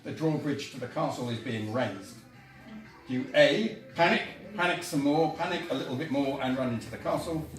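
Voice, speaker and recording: A man's voice: medium pitch, normal speed. A man reading a choose-your-own-adventure story aloud with playful emphasis, recorded from a distance in a roomy space with faint music. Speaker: volunteer reader.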